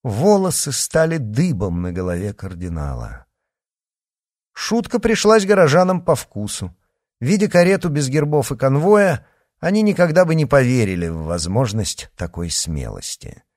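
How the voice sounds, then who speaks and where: A man narrating an adventure novel in an expressive, storytelling way. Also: mid-range voice, normal speed, no echo, clean studio sound. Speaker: audiobook narrator. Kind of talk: scripted narration.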